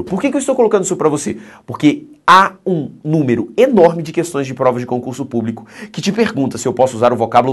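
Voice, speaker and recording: Lively Brazilian male grammar teacher. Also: on the high side. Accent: Brazilian Portuguese. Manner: emphatic, keeps checking in with "ok?". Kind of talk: recorded exam-prep lecture.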